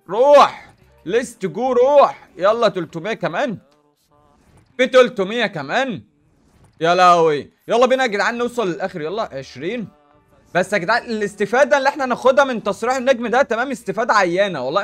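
A young man with an Egyptian Arabic accent giving animated, slang-filled gameplay commentary as a gaming YouTuber. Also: high-pitched. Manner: animated, rapid, hype-filled street slang.

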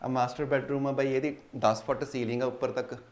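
Fast-talking, agreeable Punjabi man. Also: mid-range voice, steady tone. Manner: agreeable, deferential, often affirming. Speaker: home builder showing a house. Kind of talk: casual explanatory chat.

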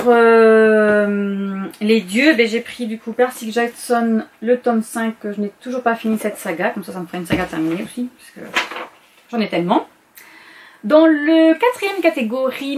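A woman's voice: a little high, measured pace. A woman book vlogger in a casual chat to camera, going through her reading list and often hesitating and correcting herself.

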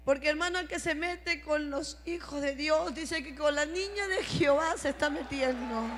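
A woman giving a fervent religious testimony, often breaking into shouts of praise. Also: high voice, big-room sound. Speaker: church member giving testimony.

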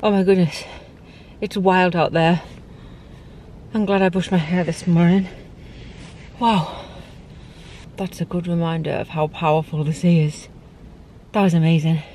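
A woman in her thirties talking to a handheld camera from inside her car and out on a windy coast, chatty and excitable about the weather. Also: on the low side, a little slow, pauses often. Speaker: travel vlogger. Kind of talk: casual vlog narration. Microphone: phone or camera held at arm's length.

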